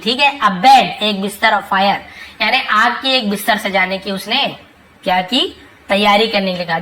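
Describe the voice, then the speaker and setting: A woman tutoring English, glossing a story slowly word by word, with rhetorical questions and frequent check-ins. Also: fairly high pitch, pushed and bright, poor audio. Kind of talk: explaining an English story line by line.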